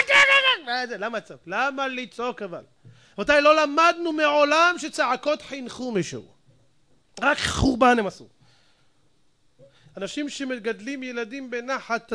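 A man preaching a Torah sermon to an audience, animated, asking rhetorical questions and acting out little scenes. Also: high-pitched. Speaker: rabbi preacher.

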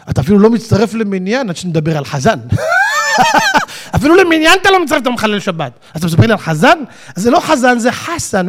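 A man preaching an animated sermon, firing rhetorical questions and acting out little dialogues. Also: very high voice. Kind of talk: lively religious sermon.

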